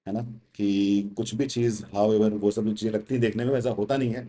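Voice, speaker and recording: A young man with an Indian accent teaches test prep live, chatty and teasing with his viewers. His voice sits somewhat low and sounds dark and mellow. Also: fairly even intonation, fairly quick. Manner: chatty, teasing, mixes Hindi and English. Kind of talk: casual livestream teaching.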